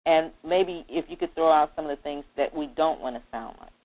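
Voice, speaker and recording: A woman's voice: low voice, fairly quick. A woman interview host asking her guest friendly, guided questions. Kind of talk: phone interview. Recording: tinny phone line.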